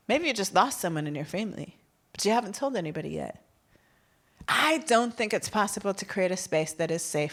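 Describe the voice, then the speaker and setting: A woman who once taught school gives a keynote talk, telling stories with playful asides. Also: mid-range voice. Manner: storytelling, animated, playful asides. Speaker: keynote speaker and former teacher.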